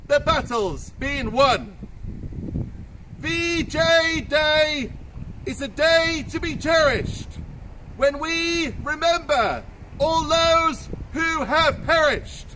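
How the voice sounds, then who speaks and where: A man's voice: very high voice, extremely slow, sharp tone, rough recording. A man bellowing a ceremonial rhymed proclamation as a town crier outdoors. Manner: bellowing, declamatory, projected outdoors. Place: outdoors in a town square by a war memorial and church. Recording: windy outdoor recording with street noise.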